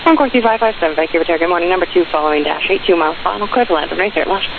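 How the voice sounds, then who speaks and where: Very fast air traffic controller over radio. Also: mid-range voice. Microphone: radio transmission. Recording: tinny noisy air traffic radio with hiss.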